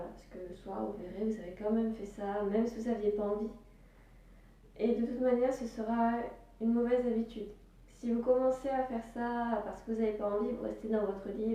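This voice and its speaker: A woman's voice: on the high side, dark tone. A woman giving casual life-organisation advice on her vlog, chatty and informal, full of fillers. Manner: chatty, with many fillers like "voilà" and "hop". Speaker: business vlogger. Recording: very echoey room, distant mic.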